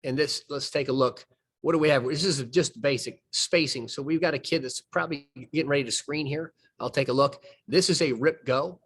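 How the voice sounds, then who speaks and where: A man's voice: fairly high pitch, a little fast, a bit bright, breathy edge. A man, a basketball coach walking through game film and explaining plays step by step in a folksy way. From southern United States. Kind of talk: film breakdown conversation.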